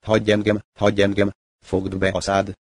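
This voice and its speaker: A man's voice: monotone, no room sound, clean studio sound, lightly acted. A man voicing a frightened little girl who pleads tearfully, as a character in a read-aloud story. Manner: tearful, pleading, raised higher than his narration. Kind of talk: audiobook character voice.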